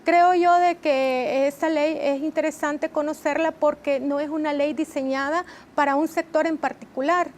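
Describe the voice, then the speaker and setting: High-voiced woman explaining calmly. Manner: measured, explanatory, with frequent rhetorical tag questions. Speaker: interview guest, training head. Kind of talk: TV interview answers.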